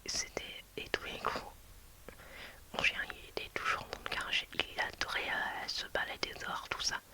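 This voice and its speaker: A video creator whispers at normal speed as she tells her viewers a personal story. Her voice is hushed and hesitant, with many fillers and frequent restarts.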